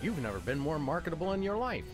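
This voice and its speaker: Very expressive, wry dog detective. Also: male voice, a little high, fast talker, music in the background. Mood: wry, genial. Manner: wry, folksy. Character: big easygoing male dog detective, wry and unflappable. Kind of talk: cartoon game voice acting.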